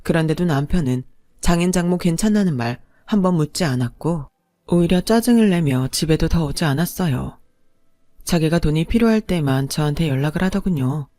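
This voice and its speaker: A woman narrating a first-person radio drama story in a calm, steady manner. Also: low voice, no room sound.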